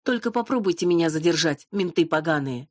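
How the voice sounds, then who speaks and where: Woman doing a squealing young blonde shoplifter, high and shrill, loud, brash, husky, dry audiobook read. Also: animated, fairly quick, no echo. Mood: snarling.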